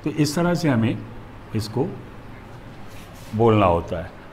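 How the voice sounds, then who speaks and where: A man's voice: mid-range voice, very animated, slow pace, a little mellow, a little hiss or hum. A male teacher explaining a grammar lesson, methodical and going through examples step by step.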